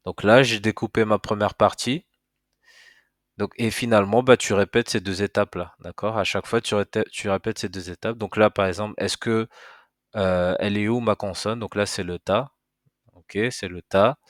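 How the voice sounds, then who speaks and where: Male teacher, low voice, casual and patient, explains step by step, dry close recording. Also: no echo. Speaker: Arabic teacher. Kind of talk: casual spoken lesson.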